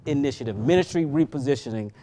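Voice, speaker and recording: Energetic affirming talk show host. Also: male voice, mid-range voice, slight background noise. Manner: energetic, affirming, quick interjections. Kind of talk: hosting a TV panel discussion. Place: TV studio set. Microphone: lapel mic.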